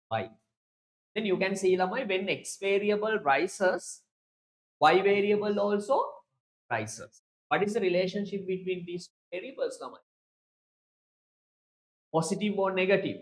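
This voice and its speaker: Brief: Sri male economics teacher, slightly raised pitch, drills terms and quizzes students. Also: moderate pace, long pauses. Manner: repetitive, drilling key terms and questioning students. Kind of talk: online class lecture.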